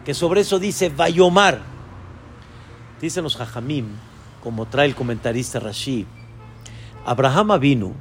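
A man, a rabbi, teaching a Torah lesson, asking his listeners rhetorical questions and jumping to a high voice when quoting figures. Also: animated, a little slow, long pauses, slight background noise. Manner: voices quoted figures with sudden high pitch.

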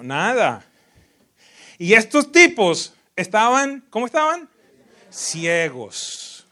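A man with a slightly high voice preaches a lively sermon as a pastor. He breaks into sudden loud rises and does teasing impressions of worshippers.

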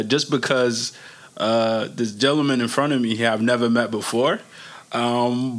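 This podcast host is a man from Niger with a mid-range, slightly bright voice. He chats informally and slangily, wandering off into rambling asides.

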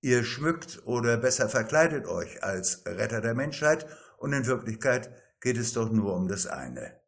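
Brief: a man voicing a quiet critic, skeptical and accusing. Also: mid-range voice, big pitch swings, measured pace, vocal fry. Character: quiet critical male observer.

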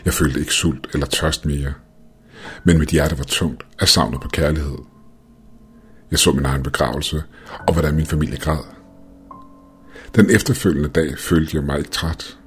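A man narrating a first-person ghost story in a calm, measured reading. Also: a bass voice, husky. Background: faint music.

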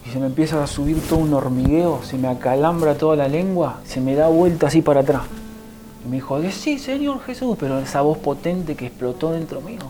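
A man with a Rioplatense Spanish accent, appearing as a guest, gives an emotional testimony of his personal conversion, telling it vividly and acting out what others said to him. His voice is a little high, steady in tone and fairly quick. Music plays in the background and the recording is low quality.

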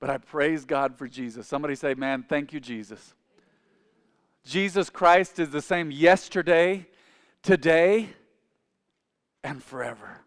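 A little slow and full of long pauses, the clean, high-leaning voice of a pastor in his forties fills a church sanctuary with long large-hall reverb. He prompts the congregation to say phrases back to him.

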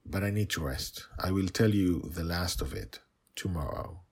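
Man narrating as a deep, husky, devoted dragon. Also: expressive, normal speed, full character voice. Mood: weary, relieved. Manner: solemn, dramatic first-person storytelling. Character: Red Dragon, formidable devoted dragon narrating his tale. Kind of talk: scripted audio story narration.

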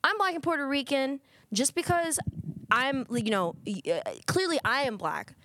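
A woman's voice: expressive, normal speed, pushed and bright, no room sound. A woman co-hosting a podcast, talking casually and emphatically, her voice jumping up on the points she stresses. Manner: emphatic, pitch jumps up when stressing points. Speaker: podcast co-host. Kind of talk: casual chat.

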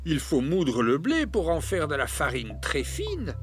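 A storyteller voicing a cheerful, patient farmer explaining things in a storybook reading, lively and raised in pitch. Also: unhurried. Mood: teasing. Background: soft music.

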